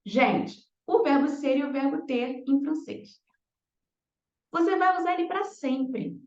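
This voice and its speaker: A woman French teacher leads a beginner lesson and speaks slowly and patiently, repeating each word for learners. Her voice sits in a roomy, echoing space. The recording sounds dull and lo-fi. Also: high-pitched, darkish tone. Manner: slow, repeats words for learners.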